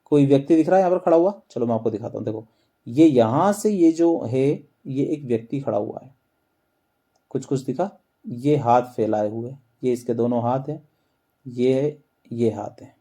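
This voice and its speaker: A man's voice: medium pitch, normal speed, mellow. A man teaching a map lesson, quizzing listeners with repeated questions and then answering them himself. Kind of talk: explaining a map lesson with memory tricks.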